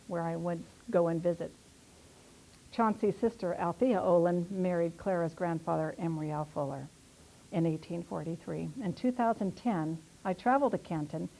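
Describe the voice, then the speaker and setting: Middle-aged woman author, chatty lecturer, low gravelly voice. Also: dark tone, poor audio. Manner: chatty, storytelling, answers audience questions. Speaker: author giving a local history talk. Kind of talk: casual public lecture. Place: historical society meeting room.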